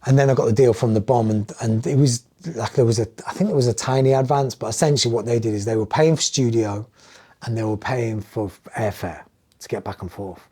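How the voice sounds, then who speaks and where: Man, English accent, middle-aged, podcast guest, animated storyteller, mellow dark tone. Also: mid-range voice, brisk, breathy edge. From England. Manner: animated storytelling, acting out quoted dialogue. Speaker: guest, music producer. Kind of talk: casual podcast conversation.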